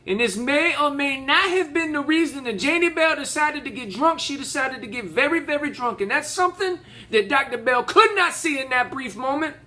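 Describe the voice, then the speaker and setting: High, bright Southern lawyer drawl, acted by a man. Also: expressive, moderate pace, few pauses, full character voice. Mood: persuasive. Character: folksy, impassioned Southern male defense lawyer addressing a jury. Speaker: auditioning actor. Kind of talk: audition monologue, courtroom speech.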